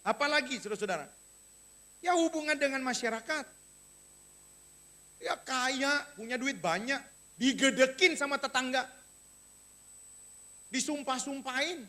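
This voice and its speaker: A male pastor preaching, his voice very high for a man and bright with a forceful edge. He addresses the congregation directly and swings between lively, raised points and quiet, low asides. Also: measured pace, long pauses. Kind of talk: sermon.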